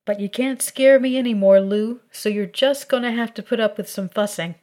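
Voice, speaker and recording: A woman voicing a brash, warm-hearted young man who talks in loud, eager bursts. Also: on the high side, a little slow, lightly acted.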